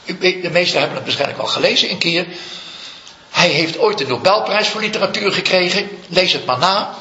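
A man, a Zen teacher, giving a slow, reflective dharma talk full of stories. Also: sits high, expressive, bright, forceful tone, slight background noise. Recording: echoey room, dull lo-fi sound.

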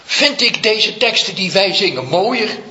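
High bright-voiced man giving a dharma talk. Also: lively intonation. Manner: slow, reflective storytelling. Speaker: Zen teacher. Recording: echoey room, dull lo-fi sound.

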